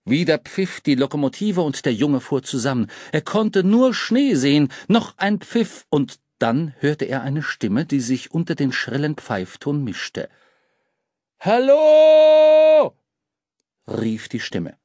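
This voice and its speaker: A man narrating a children's audiobook in a lively, dramatic storytelling manner. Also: a little high, a little slow, few pauses, no echo. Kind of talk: scripted narration.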